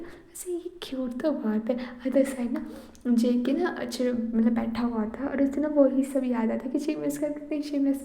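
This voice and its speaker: A woman's voice: high voice, mellow, reverberant. A woman casually narrating a fan fiction romance, switching into the characters' dialogue, with many fillers and restarts. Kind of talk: casual storytelling retelling a romance.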